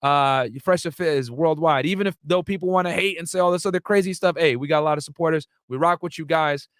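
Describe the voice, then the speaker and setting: Young US man, livestream host, slightly higher pitch, dry close sound, chatty with fillers. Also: fast, no echo. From United States. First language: Arabic. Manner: chatty, many fillers and asides to viewers. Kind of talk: casual livestream commentary.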